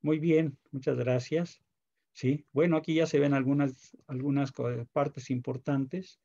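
Gravelly Mexican teacher on a dull call. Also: male voice, medium pitch, fairly even intonation, a little slow, mellow. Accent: Mexican Spanish. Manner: patient, asks checking questions. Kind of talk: online class lecture. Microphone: video call. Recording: dull video call audio.

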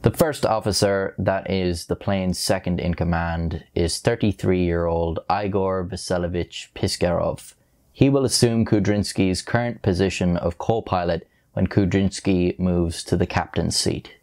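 A young male documentary narrator delivers a measured, grave scripted account of an air disaster, speaking into a lapel mic in a dark studio. His voice is low-pitched and steady.

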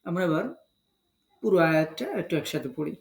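A Quran recitation teacher from Bangladesh giving a step-by-step lesson, breaking words into syllables and spelling out each rule deliberately. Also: mid-range voice, expressive, echoey room.

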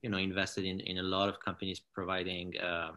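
A man in his thirties from Morocco, a founder talking in a casual interview over a video call from his living room, halting with many fillers and restarts. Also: low voice, monotone, sharp tone, dull audio. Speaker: founder and CEO, guest. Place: home living room with large window. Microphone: laptop or webcam on a video call.

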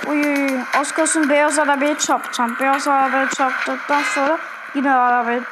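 A woman's voice: high voice, flat delivery, normal speed, very noisy. A woman with an Azerbaijani accent giving chatty, repetitive gameplay commentary and keeping up a running talk with her viewers. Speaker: gaming video host.

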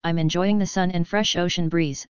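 A woman's voice: fairly low pitch, fairly even intonation, normal speed, clean tone, no echo, dull audio, natural voice. A woman voicing a big, boisterous male mercenary with jokey, overfamiliar, menacing charm, in an audiobook story. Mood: breezy menace.

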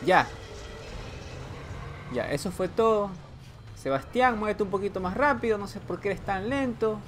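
A man narrates his own horror gameplay in a bright, high register that leaps all over the place. He delivers it unhurried, joking at the screen and breaking into sudden yells. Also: expressive, slight background noise. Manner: teases the game character. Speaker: gameplay commentator. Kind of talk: let's play commentary.

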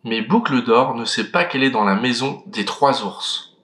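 A man reading a children's story aloud, clear and expressive. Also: medium pitch, moderate pace, a little hiss or hum. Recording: roomy echo.

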